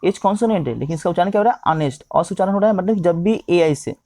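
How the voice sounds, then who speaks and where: A man teaching English grammar, who keeps pausing to ask himself questions and checking in with his listeners. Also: high-pitched, warm tone, no room sound. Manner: repeats "okay" and asks himself questions.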